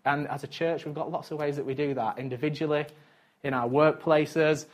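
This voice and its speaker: A man's voice: a little high, fairly even intonation, moderate pace. A male pastor preaching a sermon in a conversational, chatty way, with chuckles between his points.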